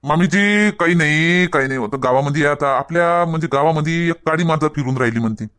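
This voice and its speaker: Gruff Varhadi village man, fairly high. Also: fairly quick, a bit bright. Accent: Varhadi Marathi. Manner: gruff, blunt, scolding. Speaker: husband and father in a comedy sketch. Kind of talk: scripted comedy skit dialogue.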